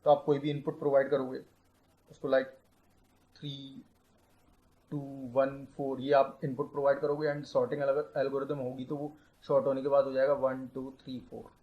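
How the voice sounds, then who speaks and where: A young man, a tutor, teaching computer science step by step, mixing English terms into his talk and slowing down to dictate definitions. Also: mid-range voice, monotone, phone-quality sound. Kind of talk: explaining a lecture.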